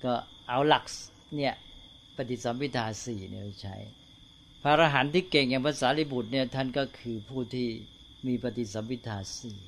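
Older monk teaching slowly, keeps asking right? as he goes, bit of hiss and crickets. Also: medium pitch, gravelly, fairly bright tone. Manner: slow, unhurried explaining with frequent tag questions. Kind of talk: dhamma talk to monks.

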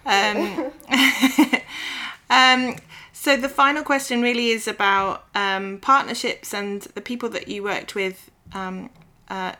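A woman interviewer with a bright, forward voice asks her questions casually. She hesitates often, filling gaps with ums and uhs. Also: medium pitch, steady tone, takes it slowly. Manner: hesitant, with many fillers.

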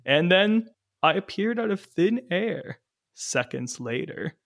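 A man's voice: high voice, animated, slow, creaky, fairly bright tone, heavily acted. A man voicing a sneering, menacing male villain who mocks the players with theatrical taunts. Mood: gloating.

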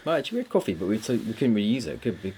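A man's voice: fairly low pitch, huge pitch swings, racing, very noisy. A man co-hosting a podcast in casual chat, recorded in a garage. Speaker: podcast co-host. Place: home garage.

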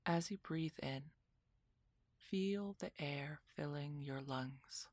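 Like a spa session, this relaxation meditation is narrated by a woman whose soothing, breathy voice frequently drops to a whisper. Her pitch sits low, her pace is unhurried, and the recording is dry.

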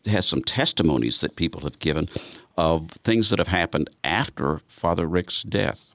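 A man's voice: low voice, moderate pace, a bit bright, no room sound. A man interviewing guests in a chatty way, often restarting his sentences. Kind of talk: conversational interview.

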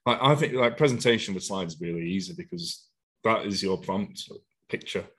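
Husky deep-voiced man chatting. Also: moderate pace, a bit bright. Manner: chatty, rambling, full of fillers and restarts. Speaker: podcast co-host. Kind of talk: casual podcast chat.

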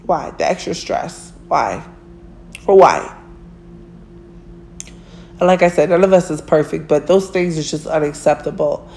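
A woman's voice: sits low, dark tone. A woman, giving blunt relationship advice in a casual monologue, swearing freely and laughing at herself.

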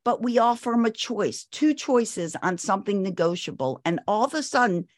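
A woman's voice: mid-range voice, sing-song, normal speed, dry recording, clean studio sound. A woman in her sixties, a parenting expert guest, giving firm advice and stressing her points by repeating them. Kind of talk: advice interview.

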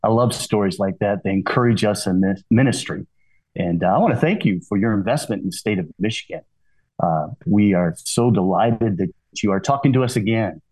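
Husky-voiced male podcast host. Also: lowish voice, a little fast, darkish tone. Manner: friendly, earnest introductions. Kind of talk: podcast hosting.

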